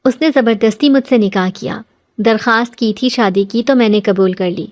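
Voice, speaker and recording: A woman's voice: on the high side, close to an everyday voice. Woman voicing a bold defiant young bride. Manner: blunt, fiery.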